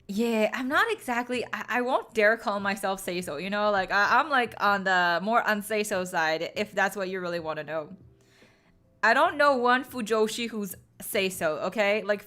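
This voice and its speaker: Over faint background music, a young woman streamer chats casually with her viewers, playful, sarcastic and teasing, dropping "like" constantly. Her mid-range voice is bright and forceful.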